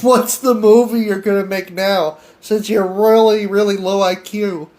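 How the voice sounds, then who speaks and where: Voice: medium pitch, fairly even intonation, measured pace, a little mellow. A podcast host chatting casually with an AI, giggling and stammering through restarts. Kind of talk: casual improvised chat with an AI.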